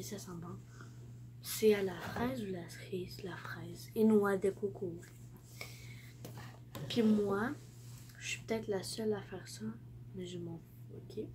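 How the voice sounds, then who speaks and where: Teen girl, Québécois accent, sick with flu, rambling casual vlog, soft near-whispers, faint hiss behind. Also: mid-range voice, a little slow, long pauses. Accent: Québécois French. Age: teens. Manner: rambling, self-correcting, drops to near-whispers. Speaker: vlogger. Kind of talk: casual vlog, tips to camera.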